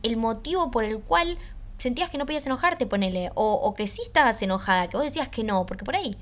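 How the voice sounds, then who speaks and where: A young Rioplatense woman co-hosts a casual podcast, musing aloud in a rambling, reflective way. Her talk is full of fillers and her voice sits a little high. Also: animated, fast. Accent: Rioplatense Spanish. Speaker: podcast co-host. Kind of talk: casual chat.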